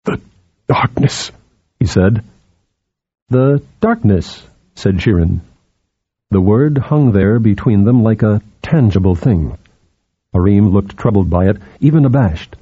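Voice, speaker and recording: A man reading a novel aloud in a measured, storytelling way. His low voice is dark and a little husky, with lively pitch movement. The recording is dull and muffled. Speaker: audiobook narrator. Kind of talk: scripted narration.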